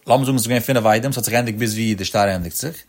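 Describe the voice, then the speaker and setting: A man delivers an explanatory religious lecture in a lilting sing-song, speaking rapid-fire in a voice on the low side. He addresses his listeners directly as friends.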